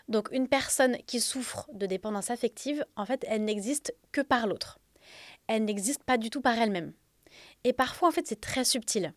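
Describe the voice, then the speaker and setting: A woman hosts a podcast self-help episode, speaking directly and conversationally to listeners. Her slightly high voice is a bit throaty because tonsillitis has left her throat sore and swollen. The recording is dry and studio quality.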